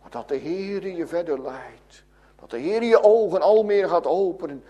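A man preaching a sermon in a fervent way, moving between loud pleading and hushed, low passages. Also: moderate pace, muffled recording. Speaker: pastor.

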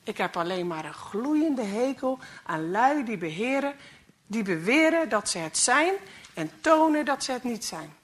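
A woman's voice: on the high side, sing-song, unhurried. Grumpy cynical male mechanic in a storybook reading, read by a woman; scornful grumbling.

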